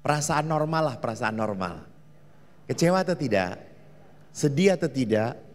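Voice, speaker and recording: Lively Indonesian priest in a reverberant hall. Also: male voice, moderate pace. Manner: lively preaching, questions to the congregation; acts out story voices with big pitch leaps. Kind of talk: sermon.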